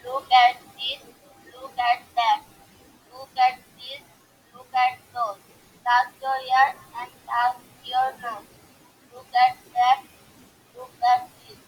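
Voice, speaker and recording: Girl pupil on a video call, high bright voice, very slow careful recital. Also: level tone, dull audio. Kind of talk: reciting a rhyme in class.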